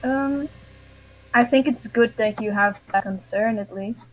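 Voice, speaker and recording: A woman chatting casually on a stream, halting and giggly, losing her words. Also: a little high, dull audio, faint music behind.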